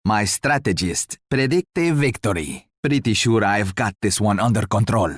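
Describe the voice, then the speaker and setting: An actor playing a pompous, genteel royal commander in a strategy video game, speaking formally and theatrically. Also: male voice, on the low side, expressive, moderate pace, dry recording, studio quality. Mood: confident, pompous. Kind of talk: scripted strategy game voice lines.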